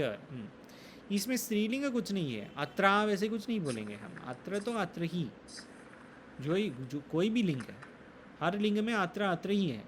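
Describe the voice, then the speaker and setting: Guy teaching sanskrit grammar to a class, slow and patient, bit high voice, faint noise in the room. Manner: slow explaining, quizzes students, recites sutras. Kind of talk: classroom lesson in Hindi.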